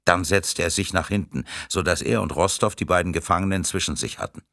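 A man reading a thriller audiobook in a steady, measured narration. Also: sits low, vocal fry, no room sound, studio quality.

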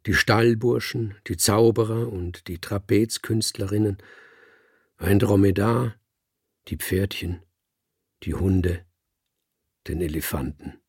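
Slow, gravelly male storyteller. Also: lowish voice, no echo, clean studio sound. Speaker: narrator. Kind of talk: audiobook reading of a literary story.

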